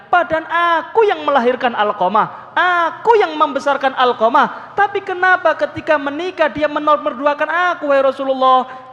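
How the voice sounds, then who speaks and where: A man's voice: extremely high pitch, fairly bright tone, voice pushed up. A man voicing a frail elderly mother who pleads tearfully, heard in an echoey hall with dull lo-fi sound. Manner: tearful, wailing pleas.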